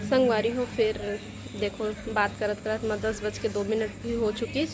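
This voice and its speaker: A woman's voice: medium pitch, level tone, normal speed, background noise. A woman with a Chhattisgarhi accent chats casually to her viewers as a home vlogger. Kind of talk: casual vlog chat. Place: at home in the evening.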